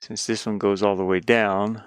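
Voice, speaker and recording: Muttering and meandering, a man talks viewers through each step of his DIY build on a casual live stream, thinking aloud as he works with his hands. His fairly low voice is flat and at normal speed, with a clean tone, no echo, and studio quality.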